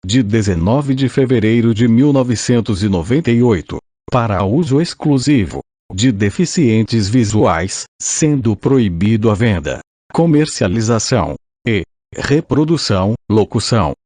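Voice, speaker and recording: A man's voice: fairly low pitch, lively intonation, a little slow, a little mellow, dry recording. A synthetic male voice from an old speech synthesizer with a Brazilian accent, mechanically reading a formal text as an audiobook. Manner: mechanical scripted reading, spelling out punctuation.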